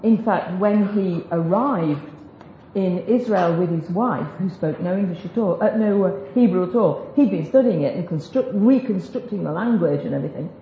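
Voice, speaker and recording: Speaking at a normal speed in a lowish voice, this woman leads a casual Bible teaching session on biblical Hebrew, cracking jokes at her own expense. The lo-fi recording sounds roomy and dull, with slight background noise.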